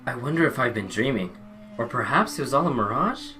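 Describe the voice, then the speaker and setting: A woman voicing a timid, honest male woodcutter in a storybook reading, in a low, hesitant, humble voice. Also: big pitch swings, fairly quick, sharp tone, soft background music, heavily acted. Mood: wondering.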